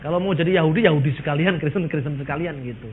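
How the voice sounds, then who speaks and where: High-voiced Indonesian man speaking, tinny. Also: racing, slight background noise. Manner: lively, quotes others in shifting voices, chuckles. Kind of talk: lecture-style talk to an audience. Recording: tinny phone-like sound.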